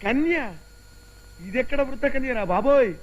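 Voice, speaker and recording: Priest, panicky, exaggerated wailing, very high-pitched voice, film comedy. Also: male voice, normal speed, highs cut off. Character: panicky priest man, wailing dramatic complainer.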